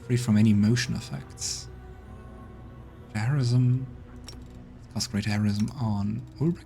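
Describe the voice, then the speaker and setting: Faint game music sits behind this man's mellow, lowish voice, which stays steady, moves slowly and carries vocal fry. As a let's play streamer giving casual commentary, he hesitates often, thinking out loud and muttering commands while he plays.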